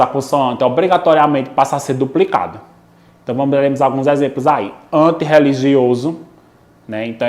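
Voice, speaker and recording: A man with a Brazilian Portuguese accent from Pernambuco teaches a recorded class. His pitch sits in the middle for a man. He explains step by step, keeps asking "né?" and "ok?", and stretches out the example words so students can follow. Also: darkish tone. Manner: explanatory, frequent "né?" and "ok?" check-ins, drawn-out example words. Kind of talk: recorded online lesson.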